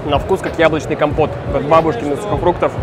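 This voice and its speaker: A man giving a relaxed voice-over about tasting a drink. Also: on the high side, fast, over a noisy crowd. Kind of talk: vlog voice-over commentary. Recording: music bed behind.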